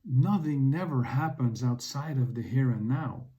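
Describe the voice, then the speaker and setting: A man hosting his own podcast, speaking in a calm, earnest personal monologue. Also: medium pitch, highs cut off. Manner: calm, earnest, unhurried reflection. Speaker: podcast host.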